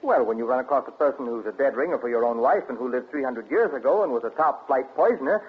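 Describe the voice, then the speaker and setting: An actor with an American accent playing a suspicious but loyal, level-headed husband in 1940s radio suspense, conversational and questioning. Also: male voice, medium pitch, lively intonation, quick pace, husky. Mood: suspicious, probing. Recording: scratchy, muffled 1940s radio recording.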